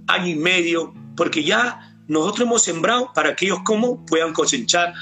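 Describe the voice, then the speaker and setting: A middle-aged man with a Peruvian Spanish accent giving an earnest faith testimony as a church cell leader, often addressing his pastor. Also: on the high side. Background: soft guitar music.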